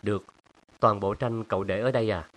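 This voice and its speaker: A suave older collector who speaks calmly and with quiet authority, read by a male narrator. His voice stays lowish and even. It is a storybook reading. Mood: assured. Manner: smooth, assured and unhurried.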